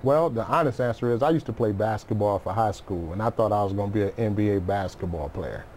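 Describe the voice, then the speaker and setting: A middle-aged man, a music producer, chats casually as an interview guest, telling stories in informal slang and often saying "you know what I mean." His voice sits on the low side and is a little mellow, moving fast, with a slight hiss or hum.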